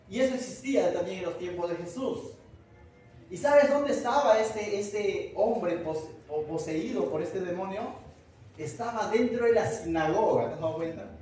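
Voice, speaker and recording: A man's voice: high voice, darkish tone, very echoey, far from the mic, a little hiss or hum, poor audio. A man from Peru preaching a verse-by-verse Bible study, conversational, asking his congregation questions. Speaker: pastor. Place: church hall.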